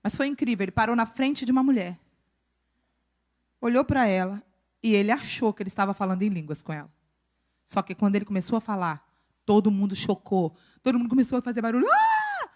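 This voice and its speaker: A woman preaching a sermon, animated and playful, acting out quoted people and accents as she teaches from scripture. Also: mid-range voice, quick pace, long pauses.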